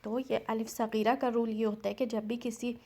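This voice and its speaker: A woman teaching Quran recitation, patiently explaining each rule and stretching out example words slowly. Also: fairly high pitch, level tone, creaky, mellow. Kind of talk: step-by-step recitation lesson.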